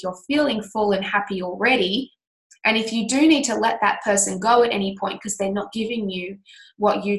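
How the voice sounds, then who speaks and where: Answering questions from listeners, a woman who coaches on relationships talks casually, earnest and thoughtful despite a cold that leaves her voice nasal and scratchy. She's medium-pitched, and the recording is reverberant.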